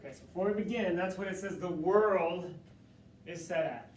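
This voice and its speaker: High-voiced male tutor in echoey classroom. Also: normal speed, darkish tone, slight background noise. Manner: joking, coaxing students through steps. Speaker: math tutor. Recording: echoey room from far off.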